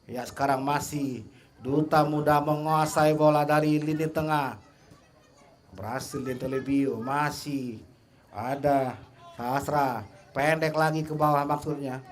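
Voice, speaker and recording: A man's voice: a little high, steady tone, unhurried, long pauses. A man with an Indonesian accent giving live play-by-play commentary as a football commentator.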